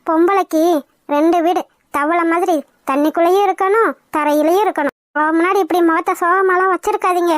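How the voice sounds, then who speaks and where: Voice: very high voice, steady tone, fairly bright tone, no echo, studio quality. A performer voicing a practical mother in a cartoon who lectures her family firmly. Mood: lecturing. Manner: lecturing, brisk and firm. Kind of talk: cartoon voice acting.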